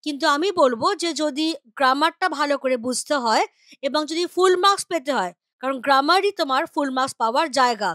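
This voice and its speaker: A woman's voice: high-pitched, lively intonation, fast talker, fairly bright tone, dry recording, clean studio sound. A woman teacher from West Bengal explaining a grammar lesson patiently, with spoken examples.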